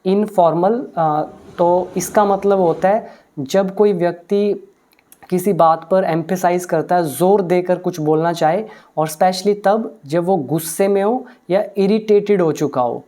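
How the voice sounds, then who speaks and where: This English teacher, a woman with a mellow, somewhat low voice, works through a story one line at a time, mixing Hindi with English. Patiently, she renders each English phrase in translation, often hesitating with filler sounds.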